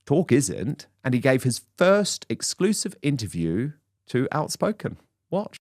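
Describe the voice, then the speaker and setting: A man's voice: medium pitch, wildly swooping pitch, a little slow, a little mellow, dry recording, studio quality. A man hosting a political talk show, presenting in an emphatic, punchy way. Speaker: host.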